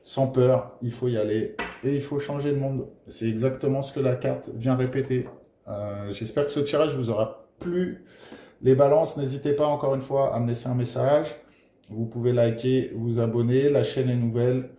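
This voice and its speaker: Mellow, hesitant male tarot reader. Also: medium pitch, fairly even intonation. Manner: hesitant, full of filler pauses; gentle and encouraging toward viewers. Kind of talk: casual tarot guidance monologue. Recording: roomy echoey room.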